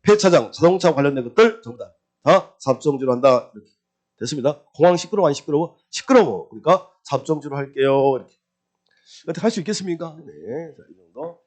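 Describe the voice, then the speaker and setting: A man with a fairly high voice gives an exam-prep lecture on real estate law. He keeps quizzing the class with quick rhetorical questions, answers them himself, and drills key terms by repeating them in a singsong way. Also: animated.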